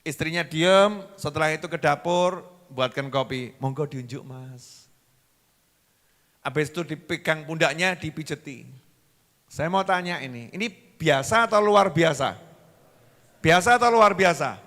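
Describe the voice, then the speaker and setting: Man, Javanese accent, sermon, lively storytelling preacher, bright tense voice, long hall reverb. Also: on the high side, normal speed. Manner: animated storytelling, acting out dialogue in shifting voices.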